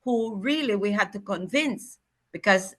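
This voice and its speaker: A woman from Belize speaks with a Creole accent and a bright, forceful voice at a middle pitch. She is an emphatic interview guest who explains through animated anecdotes, slipping into quoted dialogue. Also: a little slow. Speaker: guest, linguistics researcher and educator.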